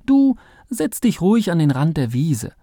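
A man voicing a careful, bossy woman archaeologist in a children's story, in a high, emphatic voice. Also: very animated, moderate pace, dark tone, breathy edge, dry recording, studio quality, exaggerated voice. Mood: scolding.

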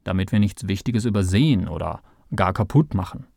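A man voicing a patient young male archaeology assistant in a children's storybook, calmly explaining. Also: sits low, brisk, gravelly, husky, no room sound, clean studio sound, voice pushed down, exaggerated voice. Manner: calm, gently explaining. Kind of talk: storybook read-aloud.

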